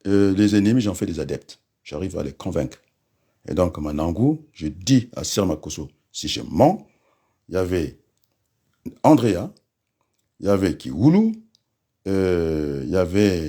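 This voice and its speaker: Man, very deep voice, lively swinging delivery, combative political rant, direct asides to listeners. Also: normal speed, breathy edge. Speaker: political commentator.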